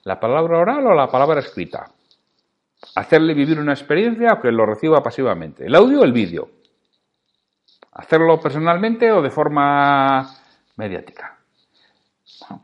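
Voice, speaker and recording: A man's voice: medium pitch, lo-fi sound. A man with a Spanish accent hosting a solo podcast, speaking directly and emphatically to the listener as he teaches sales.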